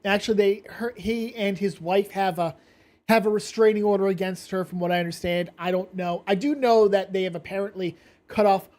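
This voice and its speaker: On his casual commentary stream, the male host rambles, speaks bluntly, curses freely, and sounds sleepy from medication. His high, slightly mellow voice moves fairly quickly with fairly even intonation.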